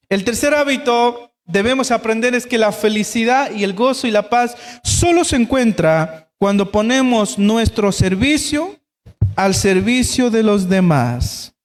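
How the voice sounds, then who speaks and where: A man's voice: very high voice, in a large hall. A man preaching a sermon as pastor, asking his congregation rhetorical questions. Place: church.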